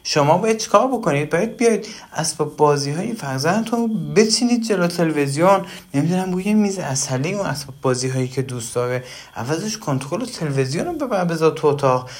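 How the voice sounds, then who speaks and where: A man lecturing on parenting in numbered tips, animated, asking and answering his own questions with everyday household examples. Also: fairly high pitch. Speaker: parenting educator.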